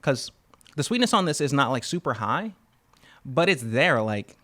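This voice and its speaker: Relaxed rambling male podcast host. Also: medium pitch, moderate pace. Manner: relaxed, rambling, many fillers. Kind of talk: casual chat.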